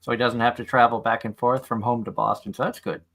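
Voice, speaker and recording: A man's voice: mid-range voice, little pitch movement, fast, creaky, noisy background. A man hosting a live stream in casual chat, reading out comments from viewers. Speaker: stream show host.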